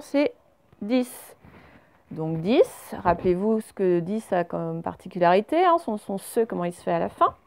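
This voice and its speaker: A French woman teaching a reading lesson, speaking slowly and clearly and spelling words out letter by letter. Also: medium pitch, darkish tone.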